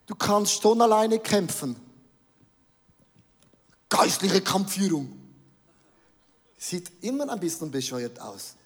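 A man with a notably high voice preaches a sermon, his words trailing off into the long reverb of a large hall. He is middle-aged and talks with lively animation, slipping English words into his phrasing. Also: takes it slowly, long pauses.

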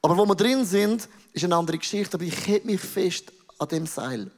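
A man's voice: sits high, normal speed. A man with a Swiss German accent preaching a sermon, emphatic and peppered with English words. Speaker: pastor. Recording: reverberant large hall.

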